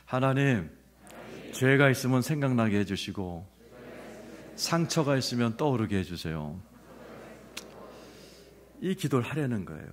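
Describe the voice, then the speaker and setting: A middle-aged man preaching a sermon with personal testimony, telling his story with animated, acted-out scenes. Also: mid-range voice, slightly rough. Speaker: pastor.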